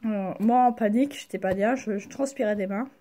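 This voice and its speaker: A young woman chats casually in a vlog, halting and slangy, speaking carefully with a sore mouth after wisdom teeth removal. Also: medium pitch, warm tone. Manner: halting, slangy, searching for words. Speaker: vlogger. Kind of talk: casual personal storytelling to camera.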